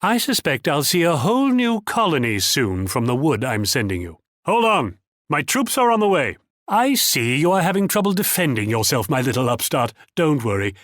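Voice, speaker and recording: This is a shrewd, wealthy Dutch commander from a strategy video game, heard in character voice lines. His slightly high, somewhat bright male voice swings freely in pitch and is recorded close and dry. He comes across as pompous and theatrical, proudly self-assured and talking down to the listener.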